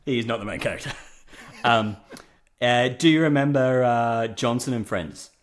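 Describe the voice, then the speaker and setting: A young man from Australia co-hosting a casual chat show, chatty and quick to laugh, jumping from story to story. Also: mid-range voice. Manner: chatty, laughs often, jumps between stories. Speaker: podcast co-host.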